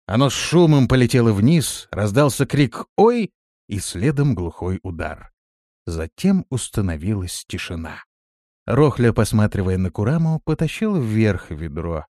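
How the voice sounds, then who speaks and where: A man reading an audiobook as narrator, with expressive delivery. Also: fairly low pitch, unhurried, dry recording, studio quality. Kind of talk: scripted narration.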